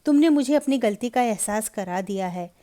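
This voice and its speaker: A woman's voice: fairly high pitch, animated, normal speed, warm tone, lightly acted. A woman voicing an anxious, insistent young married woman in a Hindi storybook reading. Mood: remorseful.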